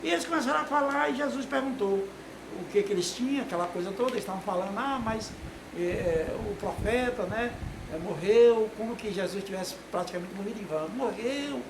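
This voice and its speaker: A lay preacher in his sixties gives an informal, rambling sermon to a video audience, tossing in many tag questions. His voice sits high and is expressive, a little fast, and gravelly, recorded in an echoey, noisy room.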